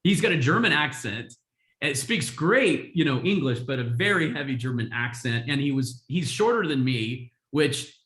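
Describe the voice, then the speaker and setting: A man's voice: medium pitch, animated, moderate pace, a bit bright, roomy sound. A man coaching real estate agents on a video call, telling stories energetically with frequent laughs. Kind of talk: live coaching session.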